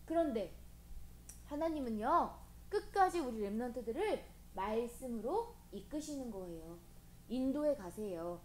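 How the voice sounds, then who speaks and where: A woman preaching to children, animated and gently coaxing, often asking them questions. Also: a little high, unhurried. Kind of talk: children's sermon. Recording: echoey room with faint hiss.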